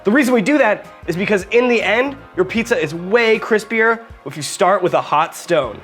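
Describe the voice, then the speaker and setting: A man's voice: high-pitched, lively intonation, normal speed, a bit bright, soft background music. A man hosting a home cooking video, joking and chatting directly to viewers as he demonstrates. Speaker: cooking show host.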